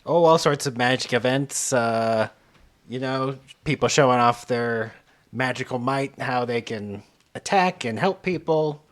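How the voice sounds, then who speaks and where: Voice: medium pitch, a little slow. A player in a tabletop game, explaining things in a matter-of-fact way. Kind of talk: tabletop role-play.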